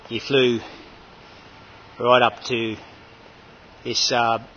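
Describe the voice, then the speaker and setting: A man's voice: mid-range voice, flat delivery, extremely slow, sharp tone, muffled recording, slight background noise. A man, talking to a handheld camera outdoors at a house in a rambling home-video vlog full of fillers and restarts. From Australia. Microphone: handheld camera mic.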